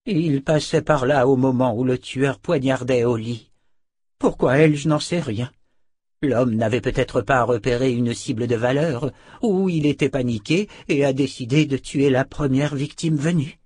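A man's voice: medium pitch, moderate pace, darkish tone, breathy edge, no room sound, clean studio sound, voice pushed up, close to an everyday voice. A grave old wizard, read by a man. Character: old wise male wizard, grandfather, somber.

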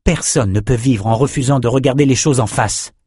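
A man's voice: mid-range voice, brisk, darkish tone, breathy edge, dry recording, studio quality, natural voice. A man voicing an earnest young swordsman hero who pleads urgently, in an audiobook reading. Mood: pleading.

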